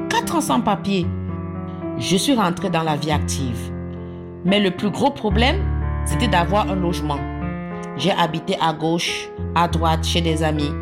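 A woman, calmly telling her life story in short, plain sentences. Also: medium pitch. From Cameroon. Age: 40s. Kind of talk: personal testimony. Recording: soft guitar music underneath. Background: plucked guitar music.

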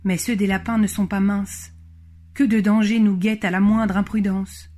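A woman's voice: mid-range voice, level tone, normal speed, mellow, natural voice. A woman voicing an anxious, loving mother rabbit in a storybook, searching for her lost little one. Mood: rueful. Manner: anxious, pleading.

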